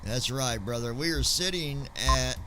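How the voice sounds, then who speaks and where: A man in casual chat with his viewers while streaming a flight simulator, laid-back and joking, slowing down to spell out codes. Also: mid-range voice, crowd noise.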